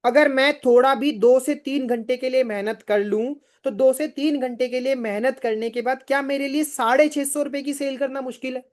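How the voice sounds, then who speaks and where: A man's voice: extremely high pitch, steady tone, moderate pace, few pauses. A man running a live online sales training, emphatic and firing rhetorical questions, urging viewers to answer in the chat.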